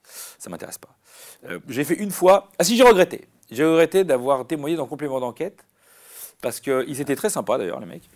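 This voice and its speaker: A man, a comedian chatting in an interview, rambling and animated with many restarts. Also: fairly high pitch, fairly quick. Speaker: comedian guest. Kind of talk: casual interview chat.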